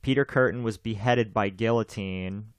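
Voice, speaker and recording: A podcast host in his twenties chats loosely at a moderate pace, rambling, repeating himself, and often breaking into laughter. His lowish voice is smooth and resonant, recorded dry and close with no room echo.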